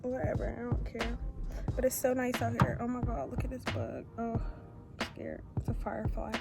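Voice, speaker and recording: A woman's voice: fairly high pitch, fairly even intonation, fairly quick, vocal fry, over loud music. A young American woman chatting informally to the camera, using slang and repeating phrases for emphasis. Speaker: vlogger. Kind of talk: casual chat to the camera.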